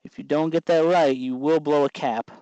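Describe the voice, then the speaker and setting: Speaking at a moderate pace in a slightly high, steady, mellow voice, the host of a DIY electronics tutorial casually and patiently explains each step as he works. The recording is muffled but free of echo.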